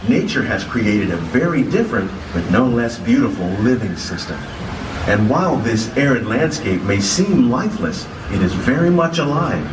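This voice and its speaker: Man announcing over an echoey ride loudspeaker. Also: mid-range voice, very animated. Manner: measured, formal announcing. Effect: played over a ride loudspeaker. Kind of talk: scripted ride narration. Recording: echoey, distant, noisy loudspeaker playback.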